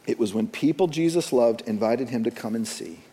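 A man preaching a sermon as pastor, slow and deliberate, dropping soft and then rising with emphasis. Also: mid-range voice, breathy edge, long reverb tail.

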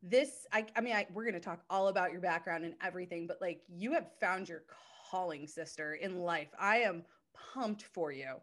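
A woman hosting an interview show, gushing and enthusiastic, talking in quick bursts full of "like". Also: on the low side, a bit bright. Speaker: podcast host. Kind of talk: casual interview.

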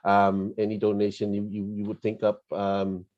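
A man's voice: on the low side, completely flat delivery, normal speed. A man giving hesitant, polite, unscripted answers as an interview guest, searching for words, on dull lo-fi audio. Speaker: interview guest, tourism representative.

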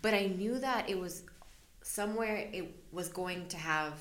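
A woman from El Salvador who owns a business talks candidly in a casual interview. Her voice is fairly low and a little slow, and she's chatty, laughing often.

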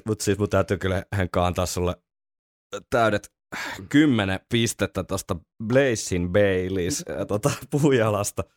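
A man's voice: lowish voice, dry recording, clean studio sound. A man co-hosting a podcast, chatting casually and laughing often. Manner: laughs often, relaxed banter. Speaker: podcast co-host. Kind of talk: casual chat.

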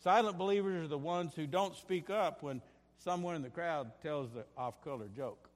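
This pastor's sermon in the church sanctuary is impassioned, shifting from fervent outbursts to quieter asides, with frequent repeated phrases. He speaks at normal speed in a fairly high voice, and the recording has a big-room sound.

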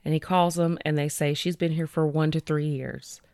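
Her deep, level, slightly mellow voice is recorded at studio quality with no echo. As co-host of a true-crime podcast, she presents cases in a chatty, conversational manner, with fillers and slowly read details.

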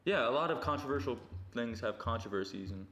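A man's voice: mid-range voice, lively intonation, a little fast, fairly bright tone, slight background noise. Young male co-host, jokey and profane, loose banter, echoey room. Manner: joking, profane, rambling asides. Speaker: podcast co-host. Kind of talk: casual chat.

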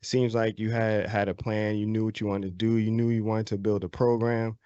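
A man who is a former player, hosting a podcast in a relaxed and casual conversation. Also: lowish voice, brisk, dry recording, lo-fi sound.

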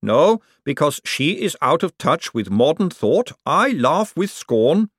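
A prim female golem clerk speaks in slow, exact, formal phrases, her voice lifted noticeably high. She is earnest and reproachful, a creature of the audiobook's world, as a male narrator puts her on. The sound is dry and close. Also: sing-song, husky, dry recording, full character voice.

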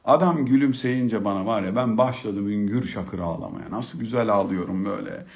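A middle-aged man telling a humorous personal story about being a father, in an expressive, colloquial manner. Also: fairly low pitch, moderate pace, creaky. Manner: expressive, humorous, colloquial, swings from hushed to excited. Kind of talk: storytelling talk.

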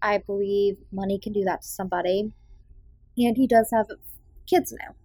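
With a faint Boston accent from Massachusetts's South Shore, a young adult podcast host gives a chatty, opinionated casual movie review, often saying um. She has a medium-pitched, steady, mellow and husky voice at a moderate pace. The recording is dry.

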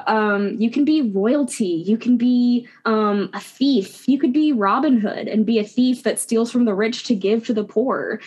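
A young woman teaching an online class over a video call, chatty and upbeat with lots of "like" and "um". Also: fairly high pitch. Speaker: guest instructor.

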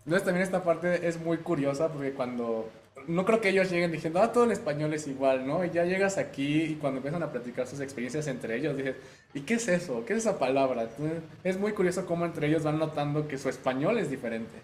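A man's voice: fairly high pitch, expressive, fast talker, slight background noise. Man co-hosting in an echoey room. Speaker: podcast co-host. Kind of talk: casual interview chat. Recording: roomy echo.

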